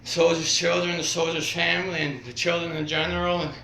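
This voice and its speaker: A man with a bright, slightly high voice rambles through an exercise demonstration in short, halting phrases. He is audibly out of breath as he moves. The room echoes around him, with a faint hiss underneath. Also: level tone. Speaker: vlogger. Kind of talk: casual exercise demonstration vlog. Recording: roomy echo, faint background hiss.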